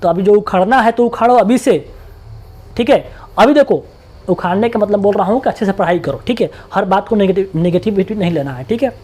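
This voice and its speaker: Male tutor, Bihari accent, rapid colloquial exam-prep lesson, repeats points to drill them. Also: sits high, a little mellow, slightly rough.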